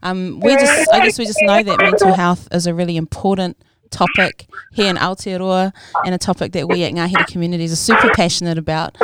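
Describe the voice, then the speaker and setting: A woman with a New Zealand accent hosting a casual podcast chat in a relaxed, friendly way, with plenty of ums. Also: on the low side, brisk, few pauses, over a noisy crowd. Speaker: podcast host.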